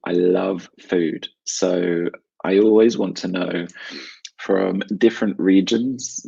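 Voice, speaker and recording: A man with a South London accent hosts an informal online English lesson. His voice is fairly low and heavily fried at the edges, and he speaks in short, simple, chatty phrases. The sound is slightly dull and lo-fi, as on a webinar. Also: vocal fry, darkish tone, husky. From South London, England. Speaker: English teacher and webinar host.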